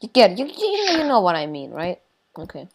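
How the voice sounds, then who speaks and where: Low-voiced woman chatting through a tutorial. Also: huge pitch swings, moderate pace, a little hiss or hum. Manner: hesitant, many fillers, playful sound effects. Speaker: tutorial builder. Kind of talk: casual game tutorial chat.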